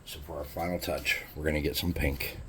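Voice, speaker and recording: A man's voice: very deep voice, flat delivery, a little fast, bright, forceful tone, slight background noise. A man hosting a casual hobby crafting tutorial, chatting in a laid-back, jokey way as he works. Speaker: crafting channel host.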